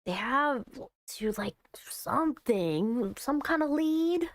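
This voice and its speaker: Reading a visual novel's text aloud, this woman streamer chats casually to herself as she plays, giving everything a dramatic flair. Her high-pitched voice is animated but slow, and there's no echo.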